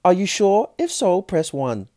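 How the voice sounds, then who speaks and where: A woman playing a brisk, cheeky automated helpline menu in a comedy skit, with sing-song scripted politeness. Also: fairly low pitch, big pitch swings, warm tone, dry recording, studio quality. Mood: unhelpful. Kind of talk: comedy skit, mock recorded announcement.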